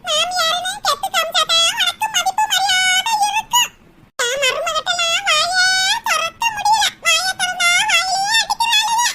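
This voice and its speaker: A woman's voice: very high-pitched, normal speed, faint music behind. A woman doing a brash, bossy old granny. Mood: grumbling. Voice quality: scolding, brash, at times shouting. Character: bossy old grandmother, grumbling and demanding. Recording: loud background noise.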